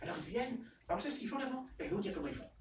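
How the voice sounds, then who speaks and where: A man in his sixties preaching a lively sermon, acting out little scenes and asking "hein?" often. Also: high voice, very fast, slight background noise. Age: 60s. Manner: animated, acts out little scenes in put-on voices, asks "hein?" often. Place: church hall. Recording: echoey hall, voice from far off.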